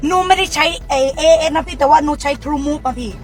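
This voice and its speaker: A woman's voice: high voice, a little fast, soft background music, close to an everyday voice. A woman voicing a naive, chatty rural woman with a Khmer accent, repeating herself and playing confused on a prank phone conversation. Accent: Khmer-accented Thai. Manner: repetitive, rambling, playing confused.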